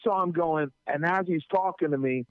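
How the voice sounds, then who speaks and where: A man tells stories in a slightly high voice, animated and stammering as he starts each thought. The sound is thin and tinny like a phone line, and dry with no room echo. He speaks as a visiting anti-drug school speaker. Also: moderate pace. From New Jersey. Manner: animated, stammers on starts, acts out others' lines. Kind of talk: casual storytelling chat.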